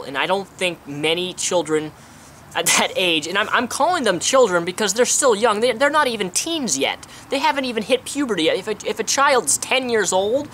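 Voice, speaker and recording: Eating as he talks, a young male vlogger chats about his views outdoors on a sunny day. His slightly high, somewhat bright voice comes through with a little hiss or hum.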